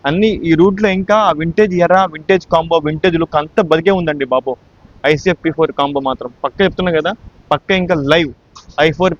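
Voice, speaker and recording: A man chatting enthusiastically as he vlogs a train journey, recorded on a phone inside the moving carriage. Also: quick pace. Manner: chatty, enthusiastic, mixes English words into his talk. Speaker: train travel vlogger. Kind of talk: casual on-train vlog narration. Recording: dull lo-fi phone audio with train rumble. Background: train noise.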